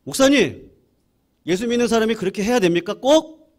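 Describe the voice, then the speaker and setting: A man putting on an excitable villager. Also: normal speed. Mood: indignant. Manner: exclaiming, pleading, high-pitched outbursts. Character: agitated middle-aged male villager, blunt.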